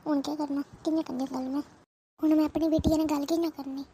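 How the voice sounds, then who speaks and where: Anxious older mother-in-law, voiced by a woman, fretful and rambling; high and mellow. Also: little pitch movement, fast, slight background noise. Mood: fretting. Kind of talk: cartoon voice acting.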